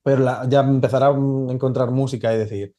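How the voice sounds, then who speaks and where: A male co-host with a Spanish accent and a warm, mellow voice. He talks casually and hesitantly, with fillers. His pitch sits in the middle of the range. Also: steady tone, brisk. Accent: Spain Spanish. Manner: hesitant, many fillers before questions. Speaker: podcast co-host. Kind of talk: casual interview talk.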